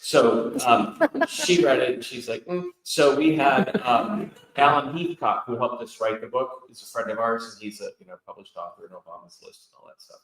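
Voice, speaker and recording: A man's voice: mid-range voice, normal speed, hardly any pauses, fairly bright tone. A man co-author speaking casually on a panel, rambling with restarts and asides. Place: indoor event room. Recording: echoey room.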